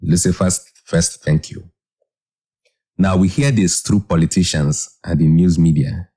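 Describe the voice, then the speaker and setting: A man with an extremely deep voice gives an earnest, measured commentary. His tone is dark and husky, with faint music underneath. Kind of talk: scripted commentary narration.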